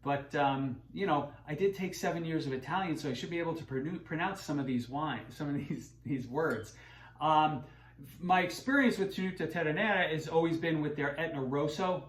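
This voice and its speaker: Chatty man in an echoey room. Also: on the high side. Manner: rambling, many fillers and restarts; self-deprecating. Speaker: wine channel host. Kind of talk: casual unscripted talk.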